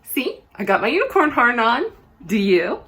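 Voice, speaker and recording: A woman's voice: on the high side, very animated, normal speed, fairly bright tone. A woman hosting a comedic baking vlog with a playful, theatrical, sing-song exaggerated way of talking. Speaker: host of a baking show.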